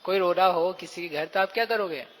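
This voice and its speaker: A man's voice: high-pitched, brisk, a bit bright, in a large hall, rough recording. A man giving a Jain scripture discourse to a live audience, asking questions and acting out everyday speech. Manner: questioning, addresses listeners directly; acts out quoted everyday speech. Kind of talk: religious discourse.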